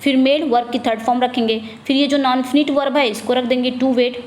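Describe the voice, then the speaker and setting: A woman with an Indian accent teaching an exam-prep English lesson. She asks her own questions and answers them, reads questions slowly and drops low on each answer. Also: steady tone, echoey room.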